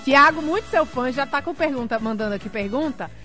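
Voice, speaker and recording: A woman hosting a live-streamed interview, chatting lively and reading out viewer messages. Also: high voice, a little fast, faint music behind. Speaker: interview host.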